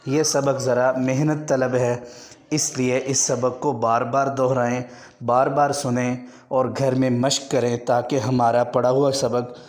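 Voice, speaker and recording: Flat-voiced male Quran teacher. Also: mid-range voice. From Pakistan. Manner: stretches out each letter sound slowly as a model, then explains at a brisk pace. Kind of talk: online lesson for beginners.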